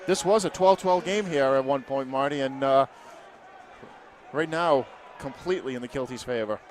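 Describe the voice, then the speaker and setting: Male color commentator, relaxed analysis. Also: medium pitch, normal speed, slight background noise. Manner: conversational analysis with hesitant fillers. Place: high school basketball arena.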